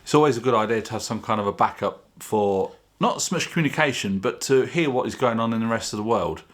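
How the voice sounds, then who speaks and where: A video channel host presents his own video, chatting casually to camera in an informal, plain-spoken way. His voice is medium in pitch and he talks fast.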